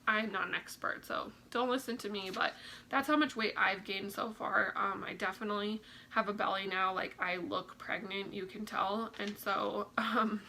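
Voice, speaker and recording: Young woman vlogger, bright and a bit gravelly, chatty and slightly breathless, faint room noise. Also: medium pitch, steady tone, normal speed, rough recording. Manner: chatty, full of fillers like "like" and "um". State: a little out of breath. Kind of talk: casual pregnancy update vlog.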